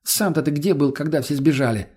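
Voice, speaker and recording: Brash crude young woman healer, snappy and sweary, voiced by a male reader, pitched well up. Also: brisk, a little mellow, husky. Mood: snapping.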